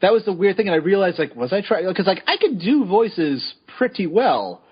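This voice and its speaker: Husky man with an animated voice, joking podcast co-host, dull lo-fi sound. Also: high voice. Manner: chatty, joking, quick to laugh. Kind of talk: casual podcast chat.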